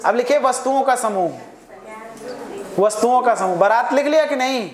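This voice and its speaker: A man's voice: very high voice, normal speed. A man teaching Hindi grammar to a live class, repeating each word several times and often asking his students if they follow. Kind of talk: classroom lecture. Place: echoey classroom full of students. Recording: echoey classroom with student chatter.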